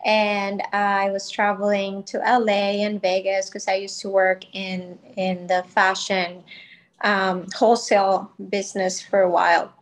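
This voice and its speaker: A Colombian woman in her thirties, a wellness business founder, shares her own story as a podcast guest, candid and informal. Her medium-pitched voice stays fairly flat and moves a little slowly, and the recording quality is low.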